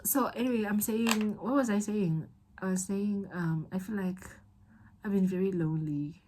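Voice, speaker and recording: A woman's voice: mid-range voice, moderate pace, darkish tone, a little hiss or hum. A young woman in an emotional, rambling confessional vlog, talking straight to her viewers as girl and babe. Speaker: vlogger.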